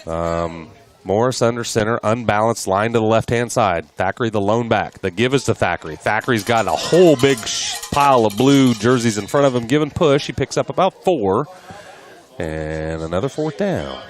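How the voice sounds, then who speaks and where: Brief: male play-by-play caller, lowish voice, spikes high and loud on big plays, live game commentary. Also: normal speed, soft background music. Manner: excitable, rises sharply on big plays. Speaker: play-by-play announcer.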